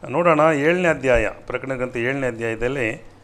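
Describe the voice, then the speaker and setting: A pastor with a Kannada accent teaching Bible passages on a TV show. His middle-pitched voice swells louder and higher whenever he recites scripture, then settles back into a plain explaining tone. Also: brisk. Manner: fervent, rises in pitch and volume when quoting scripture. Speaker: pastor answering viewer questions.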